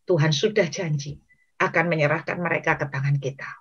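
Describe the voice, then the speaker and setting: A woman's voice: deep voice, steady tone, brisk, husky, voice pushed down. A woman preacher acting out a desperate man pleading and crying out to God, on a dull recording. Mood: rallying.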